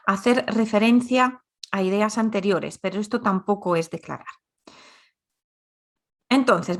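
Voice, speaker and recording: A woman teaching a grammar lesson, explaining patiently and repeating example sentences. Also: medium pitch. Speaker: Spanish teacher.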